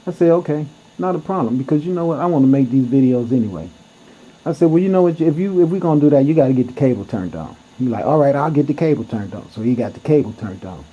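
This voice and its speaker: A man's voice: mid-range voice, animated, quick pace, slightly rough. A man telling a story to camera in a blunt, heated way, cursing freely as he goes. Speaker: vlogger. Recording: dull lo-fi recording.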